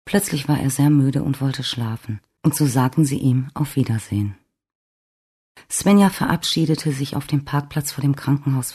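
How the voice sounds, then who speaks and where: A narrator reading a story in a calm, measured way. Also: medium pitch, husky. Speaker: audiobook narrator. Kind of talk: scripted narration.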